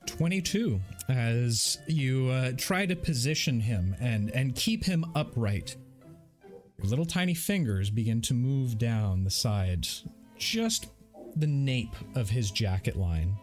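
A man narrating a tabletop game as its game master, descriptive and measured. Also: mid-range voice, lively intonation, a little mellow, soft background music.

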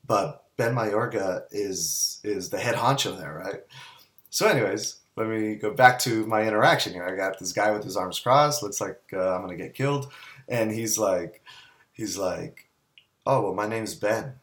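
Man, low voice, casual storyteller, animated and rambling. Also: normal speed. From Southern California. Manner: animated, rambling anecdotes with many restarts. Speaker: guest business owner.

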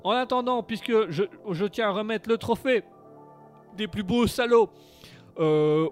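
High-voiced radio host. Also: male voice. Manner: rambling, sarcastic, many fillers and restarts. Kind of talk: casual news chat on live radio.

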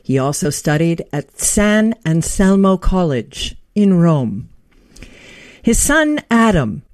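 A woman's voice: on the low side, a little mellow, dry recording, clean studio sound. A woman hosting an interview show, introducing her guest in an earnest, heartfelt way with small restarts. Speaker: podcast host.

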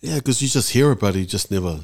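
Animated low-voiced man, jokey and loose. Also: fast talker, gravelly, no room sound, clean studio sound. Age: 30s. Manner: loose, jokey anecdotes peppered with bro and man. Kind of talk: casual chat over drinks.

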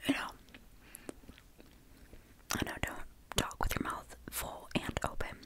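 A young woman whispering softly in a chatty ASMR snack-tasting video, with eating sounds between her words. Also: slow pace. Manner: chatty, says like and you know often.

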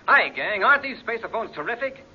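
A man playing a friendly space commander who pitches to kids through a toy walkie-talkie phone in an old radio ad. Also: lively intonation, fairly quick, breathy edge. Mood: cheery. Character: upbeat adult male space commander. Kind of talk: 1950s radio ad. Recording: dull old broadcast recording.

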